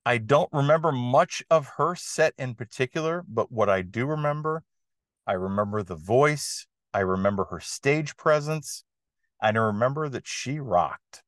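A man's voice: medium pitch, expressive, moderate pace, a bit bright, no echo, studio quality. A man hosting a music podcast, giving an enthusiastic review monologue with emphatic, dramatic phrasing.

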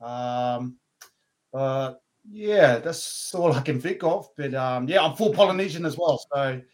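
A man's voice: medium pitch, expressive, measured pace, a little mellow. A man from Brisbane, chatting informally as a podcast guest, using brotherly slang and "eh" tags. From Brisbane, Australia, born in New Zealand. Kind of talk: casual interview chat.

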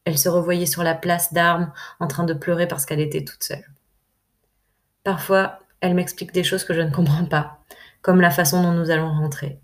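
A young woman from France calmly reading her first-person travel diary aloud in a measured way. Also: sits low. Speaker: narrator.

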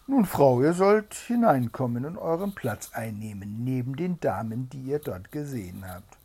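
A man reading a fairy tale aloud and voicing a cruel, menacing nobleman who speaks slowly and loudly in a commanding tone. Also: medium pitch, very animated, husky. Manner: slow, loud, commanding.

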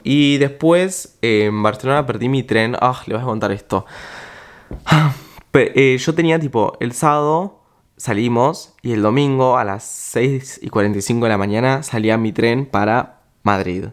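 A man's voice: mid-range voice, normal speed. A young man with an Argentine accent tells a travel story as a podcast host, chatty and slangy, swearing and filling gaps with small words. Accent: Argentine Spanish. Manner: chatty, slangy and profane, with lots of filler words. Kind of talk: casual storytelling monologue.

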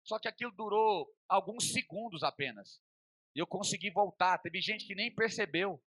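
A young man preaching a testimony sermon, swinging from loud fervent passages to quiet storytelling. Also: high-pitched, normal speed, no echo. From Brazil.

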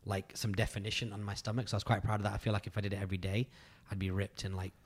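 A man with a fairly low voice talks very quickly in a casual podcast chat. He tells stories emphatically, doubling back on phrases to drive them home. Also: level tone. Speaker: podcast co-host.

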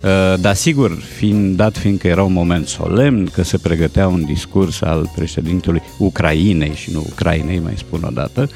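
A man's voice: low voice, gravelly, few pauses, a little mellow, faint music behind. A man commenting wryly on speech errors in casual studio chat. He laughs often and explains points of grammar. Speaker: language commentator.

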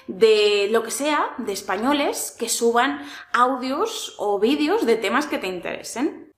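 A woman with a Spanish accent from Spain, giving a language lesson in a clear, deliberate, coaching tone. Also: on the high side. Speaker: Spanish teacher. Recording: echoey room.

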